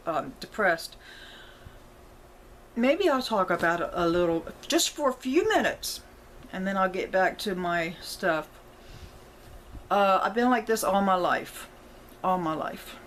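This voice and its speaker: A woman's voice: medium pitch, a bit bright, slight background noise, low-quality recording. A middle-aged woman, talking to her viewers in a rambling, apologetic way, close to tears. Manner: rambling, apologetic, self-correcting. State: emotional, on the verge of tears. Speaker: vlogger. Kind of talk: casual personal talk to viewers.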